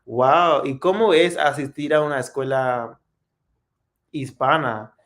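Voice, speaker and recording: Slow, easygoing man hosting a live stream. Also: medium pitch, a bit bright. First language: English. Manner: unhurried, friendly, answers viewer comments. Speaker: host of a live language practice stream. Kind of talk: casual live-stream chat, switching between English and Spanish.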